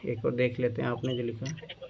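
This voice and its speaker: A man's voice: medium pitch, flat delivery, fairly quick. A man coaching students on answer writing, casual and encouraging, repeating his reminders. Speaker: exam coach reviewing answer copies. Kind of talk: informal coaching talk. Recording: muffled lo-fi sound with clear background noise.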